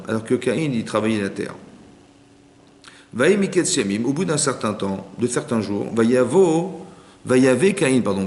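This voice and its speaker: A man, a rabbi, teaching a scripture class, translating verses line by line and asking the audience questions. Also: medium pitch. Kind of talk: lecture on scripture. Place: community centre hall. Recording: echoey hall with long reverb.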